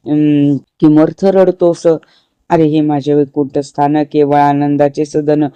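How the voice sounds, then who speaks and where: A man reciting the words of a compassionate god who gently consoles a weeping devotee, in slow, chanted devotional verse. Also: fairly high pitch, clear, resonant tone, no room sound.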